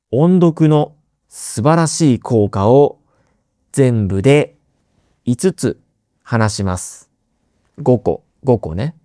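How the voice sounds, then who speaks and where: Slow, clear-spoken man teaching. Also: mid-range voice, mellow, no echo, clean studio sound. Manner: slow, carefully enunciated, repeats key words. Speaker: Japanese teacher and podcast host.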